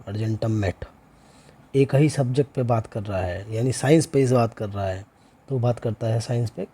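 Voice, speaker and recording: A man's voice: mid-range voice, warm tone. A man teaching homeopathy, going through a chart and listing remedy names one after another with frequent check-ins. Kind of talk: lecture walking through a chart.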